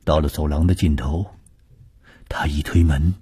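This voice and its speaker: A man narrating a scripted ghost story with a measured, suspenseful delivery. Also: extremely low pitch, fairly even intonation, warm tone, slightly rough.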